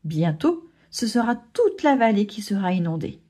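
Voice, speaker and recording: Husky woman reading a children's story. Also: mid-range voice, normal speed. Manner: expressive children's narration. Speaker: narrator.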